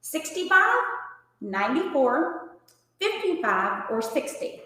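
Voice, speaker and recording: Woman co-host, a bit high, halting and casual, recorded in a reverberant room. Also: big pitch swings, bright, forceful tone. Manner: hesitant, many ums. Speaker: trivia co-host. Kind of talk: casual livestream chat. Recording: very echoey room with long reverb.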